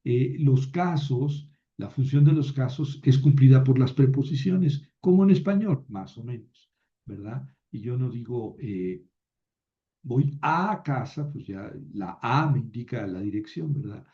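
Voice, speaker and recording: A man teaching a grammar lecture slowly and step by step, often pausing on "eh" and checking in with "¿verdad?". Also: medium pitch, animated. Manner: slow and explanatory, with frequent "eh" and "¿verdad?". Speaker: Biblical Hebrew teacher. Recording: dull lo-fi recording.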